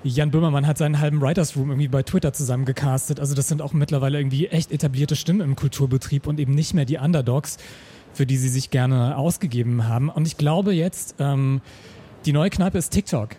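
A young man in a casual panel discussion, talking quickly and hedging his points with fillers. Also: mid-range voice, warm tone, slightly rough. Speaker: podcast guest.

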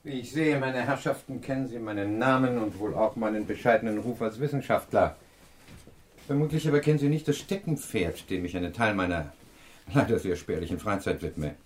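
An actor playing a pompous, self-assured professor and amateur detective in a radio crime drama, lecturing in a pedantic manner. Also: male voice, on the low side, expressive, fairly quick, natural voice.

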